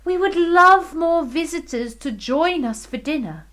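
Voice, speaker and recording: A woman's voice: high-pitched, lively intonation, measured pace, a bit bright, voice pushed up. A woman voicing a friendly, giggly queen in a children's story. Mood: welcoming.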